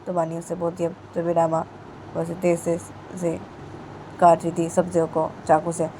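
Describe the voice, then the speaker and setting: A woman's voice: lowish voice, monotone, moderate pace, warm tone, a little hiss or hum. A woman casually retelling a love story in a loose, repetitive way.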